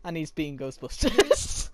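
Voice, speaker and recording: A man's voice: on the high side, very animated, slow, very noisy. A man playing an online game in voice chat, laughing and teasing his teammates. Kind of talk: voice chat while gaming.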